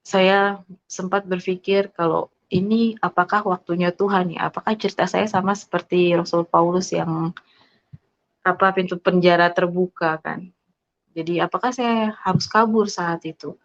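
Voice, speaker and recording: A woman giving an earnest, halting personal faith testimony, pausing often with fillers. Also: fairly low pitch, steady tone. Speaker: testimony speaker. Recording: dull lo-fi sound.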